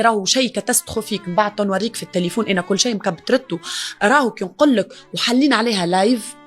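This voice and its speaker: A distraught woman with a Tunisian accent, talking as a grieving mother in an interview. Her words pour out fast at a middling pitch, pleading and wounded. Soft music sits faintly underneath. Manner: distraught, pleading, grief-stricken. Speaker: mother of the victim. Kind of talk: emotional interview.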